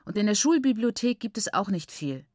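A woman's voice: medium pitch, very animated, brisk, a little mellow, no room sound, studio quality, pitched above the performer's own voice, close to an everyday voice. A woman voicing a bored, rebellious teenage girl who protests against her mother. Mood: petulant. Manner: petulant, protesting.

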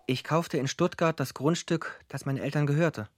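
A man's voice: fairly high pitch, normal speed, close to an everyday voice. Guy narrating a dry practical son in a radio play, short choppy lines, music playing under him. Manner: clipped short sentences, dry and matter-of-fact. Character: grown son recalling family troubles, cool and practical. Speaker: first-person narrator. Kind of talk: scripted radio drama narration. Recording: narration over clear music.

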